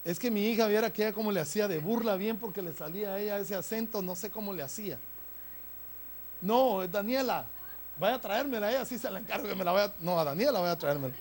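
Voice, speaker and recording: A pastor delivers a sermon to his congregation in a notably high-pitched voice. He keeps turning to the listeners with brotherly asides and pushes his points with rising emphasis. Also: lively intonation, fast talker, darkish tone, a little hiss or hum. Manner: preaching with frequent "hermano" asides, rising emphasis.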